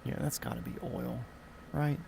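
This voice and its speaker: A man's voice: medium pitch, steady tone, normal speed, vocal fry, noisy background. A man streaming a flight simulator, chatting casually in a rambling, profane, offhand way from his home gaming room at a desk mic. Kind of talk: casual live-stream chat.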